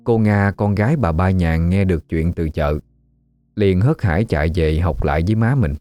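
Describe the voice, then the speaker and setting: A man tells a ghost story in a low, mellow voice. His delivery is measured and steady, with faint music under it. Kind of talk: scripted narration.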